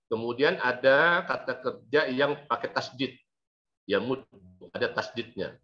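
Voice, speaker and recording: A man teaching Arabic grammar, who recites verb forms patiently and keeps checking with "ya". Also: medium pitch. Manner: patient, repeats verb forms slowly with frequent "ya". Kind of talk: classroom lecture with recitation drills. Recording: dull lo-fi recording.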